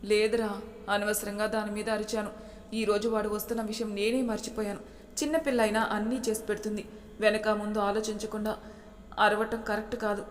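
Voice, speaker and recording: A woman's voice: medium pitch, little pitch movement, fairly quick, slight background noise, lightly acted. A woman voicing an angry, scolding older mother-in-law in a storybook reading, with a long hall reverb. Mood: regretful. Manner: shouting, scolding.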